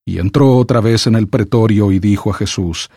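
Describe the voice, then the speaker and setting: Low husky man reading scripture. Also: mellow, no echo, clean studio sound. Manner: measured, solemn reading. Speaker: scripture reader.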